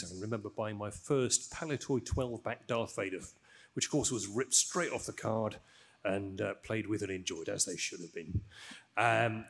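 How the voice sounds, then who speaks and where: A man in his fifties speaks with a gravelly edge at a middling pitch. He talks in a warm, measured way, as if reminiscing with friends. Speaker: guest collector. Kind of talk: live podcast chat.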